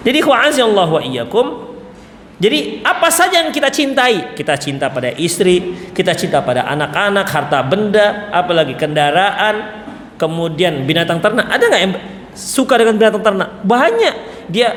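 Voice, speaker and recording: A man preaching to a congregation in a hall with a long, echoing reverb. His voice sits high and bright, and he talks in a lively way, mixing jokes with acted-out dialogue. Faint room noise runs underneath. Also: moderate pace. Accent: Indonesian. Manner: lively, joking asides with acted quotes. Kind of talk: mosque sermon. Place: mosque hall.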